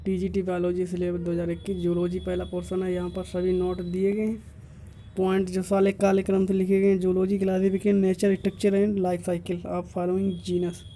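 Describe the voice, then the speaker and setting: Flat, dark-voiced teacher reading a syllabus. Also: medium pitch, a little hiss or hum. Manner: lists topics one by one, stopping to correct errors. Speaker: YouTube teacher.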